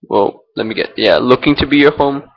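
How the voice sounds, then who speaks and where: Recorded through a laptop's built-in mic with dull audio, a young man from Singapore vlogs an unscripted personal reflection. His mid-range voice is gravelly with a breathy edge and runs a little fast, and he rambles hesitantly, filling gaps and starting over often.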